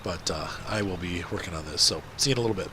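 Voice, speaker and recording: A man's voice: low voice, very fast, pushed and bright, a little hiss or hum. A man with a congested, blocked-up nose giving casual, rambling gameplay commentary as a video host. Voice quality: congested, blocked nose, nasal stuffy sound.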